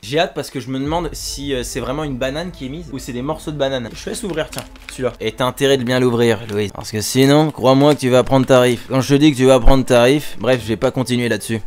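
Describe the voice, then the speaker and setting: A young man hosting a casual food-tasting vlog, playful and teasing, with sudden loud whoops. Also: mid-range voice, quick pace, hardly any pauses, faint music behind. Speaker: YouTuber host.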